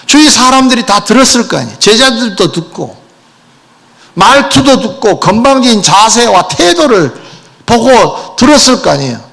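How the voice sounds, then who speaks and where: A man preaching a sermon as pastor, animated and addressing the congregation with rhetorical questions. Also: high-pitched, creaky.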